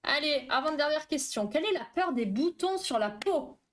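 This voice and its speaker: With a high voice and lively intonation, a woman therapist runs a casual live stream, reading out the chat and chatting with viewers. She speaks rapidly and keeps tripping over her words.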